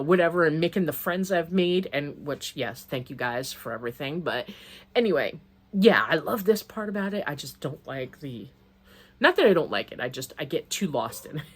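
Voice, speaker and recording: A middle-aged woman, slightly hoarse, chatting casually to camera about her crafts and rambling with many restarts. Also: low voice. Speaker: crafting vlogger.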